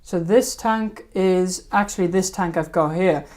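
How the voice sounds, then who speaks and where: A woman's voice: on the low side, measured pace, a little mellow. A woman hosting a fishkeeping live stream, rambling casually and hesitantly over her old videos. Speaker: fishkeeping channel host.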